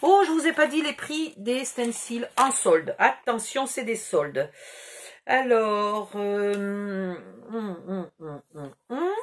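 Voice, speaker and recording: A woman's voice: mid-range voice, lively intonation, slow. A middle-aged woman chatting casually through a scrapbooking haul, rambling and mocking herself as she loses track. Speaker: scrapbooking YouTuber. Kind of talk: casual haul video chat.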